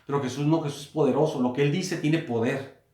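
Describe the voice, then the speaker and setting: A man preaching a sermon in a small room, repeating and rephrasing his points and rising to loud emphasis on quoted words. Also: a little high, fairly even intonation, a little fast, echoey room. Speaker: pastor.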